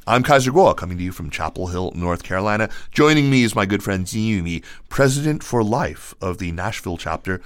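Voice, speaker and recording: Guy hosting a podcast, really deep voice, laid back and jokey, dry close mic. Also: a little fast, few pauses, no room sound. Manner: relaxed, joking, with frequent restarts. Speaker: podcast host. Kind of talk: casual podcast conversation.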